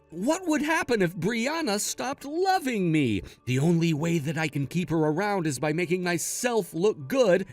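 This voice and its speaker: Man voicing a smug scheming husband, high wheedling voice, bouncy pitch, dry close sound. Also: dry recording. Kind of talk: animated story voice acting.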